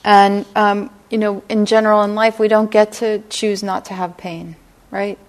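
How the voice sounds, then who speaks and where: Gentle woman giving a meditation talk. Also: medium pitch, flat delivery. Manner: gentle, unhurried, lots of "right?" and "you know". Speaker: meditation teacher. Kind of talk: dharma talk to a class. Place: meditation hall.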